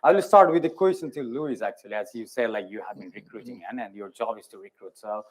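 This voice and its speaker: A man in his thirties from Nepal speaking on a conference panel in a measured, explanatory way. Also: lowish voice. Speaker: clinical study manager on a panel.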